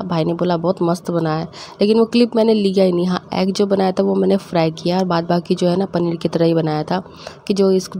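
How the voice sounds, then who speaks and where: A young woman talks through a cooking video, telling family stories with frequent laughs and little acted-out quotes of her scolding mother. Her voice sits a bit low and mellow. A faint hiss of background noise runs under the recording. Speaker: cooking vlogger. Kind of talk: casual storytelling while cooking.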